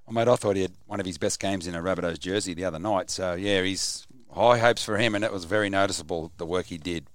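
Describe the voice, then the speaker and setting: An Australian male co-host in casual sports chat, matey and talkative. His voice sits slightly low and moves quickly. The sound is close and dry. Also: a bit bright, dry recording. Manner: matey, chatty. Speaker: radio co-host.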